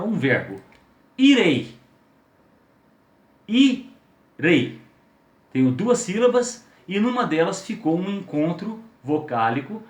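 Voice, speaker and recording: A man teaching a recorded lesson, who asks the class questions and stretches out his example words. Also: a little high. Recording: echoey room.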